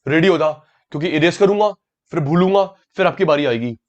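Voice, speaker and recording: A man's voice: fairly high pitch, animated, fairly quick, dull audio. A man teaching an online class, calling on students by name, repeating key words and mixing English terms into his talk. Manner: mixes English terms into Hindi.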